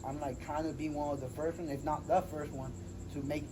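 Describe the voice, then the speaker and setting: A man in his twenties from Honduras, chatting casually as an interview guest, relaxed and slangy with many fillers and restarts. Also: fairly high pitch, a little fast, noisy background. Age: 20s. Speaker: MMA fighter, guest.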